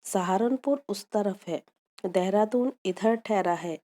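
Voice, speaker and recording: Woman giving a measured academic lecture. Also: medium pitch, warm tone. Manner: measured, reads from prepared text with examples. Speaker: university Hindi lecturer.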